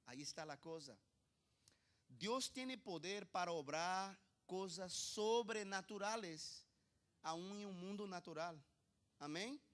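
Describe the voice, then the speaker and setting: Man, pastor, high voice, animated sermon, rhetorical questions, quiet then loud. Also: slow. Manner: animated preaching, swings from quiet asides to loud emphasis.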